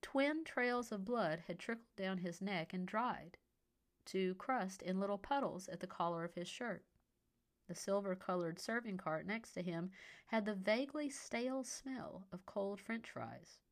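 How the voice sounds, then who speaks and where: Woman narrating a story, measured. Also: medium pitch.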